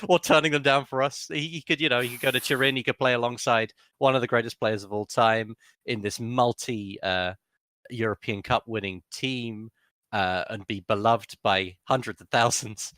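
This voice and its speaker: A man's voice: mid-range voice, steady tone, normal speed, sharp tone, dry recording, clean studio sound. A man with a London accent co-hosting a fan podcast in casual, teasing chat, laughing often. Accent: London English. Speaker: podcast co-host.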